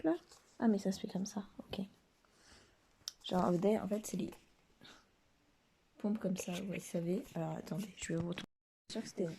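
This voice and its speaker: A woman's voice: mid-range voice, creaky, warm tone, slight background noise. A young woman in her teens chatting casually while unboxing skincare products, rambling with many fillers and sometimes dropping to a whisper late at night. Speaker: vlogger. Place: bedroom at night.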